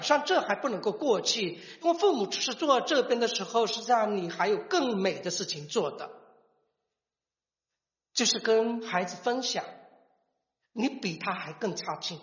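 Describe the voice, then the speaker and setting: A middle-aged man gives a personal testimony as a father, halting and restarting words as he tells the story. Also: high voice, animated, fairly bright tone. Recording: echoey hall, dull lo-fi sound.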